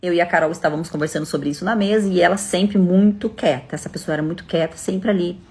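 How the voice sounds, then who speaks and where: Uma mulher brasileira de meia-idade conta uma história pessoal para a câmera, falando depressa e chamando os seguidores de "gente". A voz é um pouco grave, e ela conversa de forma descontraída e próxima. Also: female voice, on the low side, fast talker, a little mellow. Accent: Brazilian Portuguese. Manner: chatty, addresses viewers directly. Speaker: storyteller vlogger. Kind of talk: casual storytelling to camera.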